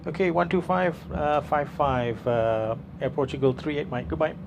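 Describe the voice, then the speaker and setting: A man's voice: a little high, normal speed, gravelly, background noise. A man flying as a virtual airline pilot, reading checklists and radio calls into a pilot's cockpit headset in clipped, matter-of-fact callouts.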